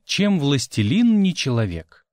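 A man reading a fantasy audiobook aloud in the first person, with a wry, animated storytelling manner. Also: fairly high pitch, a little slow, no echo, clean studio sound. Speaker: audiobook narrator. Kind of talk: expressive audiobook narration.

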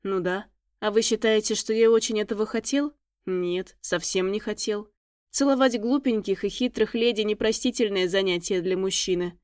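A woman voicing a blunt, teasing male tracker and bodyguard with a husky low voice in an audiobook. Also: normal speed, a little mellow, no echo, clean studio sound, natural voice. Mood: mocking. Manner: teasing, frank, mocking.

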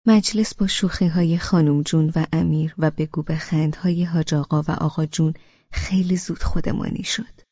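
A woman narrating a first-person audiobook in a soft, often whispery voice. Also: low-pitched, fairly even intonation, husky, dry recording, muffled recording.

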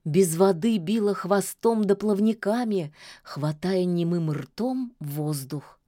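Slow, calm woman telling a fairy tale. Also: fairly low pitch, no room sound, studio quality. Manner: calm, folksy storytelling. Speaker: storyteller.

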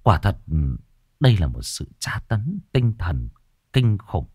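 A man narrating a ghost story in a slow, dramatic, suspenseful way. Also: fairly low pitch, very animated, darkish tone, breathy edge. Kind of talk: scripted horror narration.

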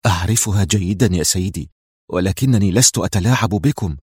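A man voicing a frightened young male informant who speaks quietly and nervously, in a storybook reading. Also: sits low, fairly quick, slightly rough, no echo, clean studio sound.

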